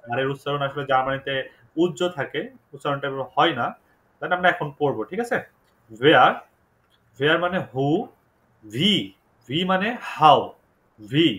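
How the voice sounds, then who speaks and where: Male teacher, fairly high and bright voice, patient and repetitive in class. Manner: explains slowly, repeats words for learners. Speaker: German language teacher. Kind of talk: online class lesson.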